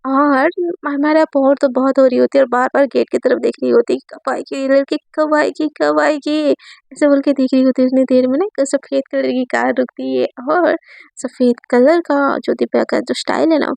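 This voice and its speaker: A woman's voice: high-pitched, steady tone, normal speed, gravelly, darkish tone, no echo. A young woman narrating a story in a chatty, rambling way, with frequent restarts.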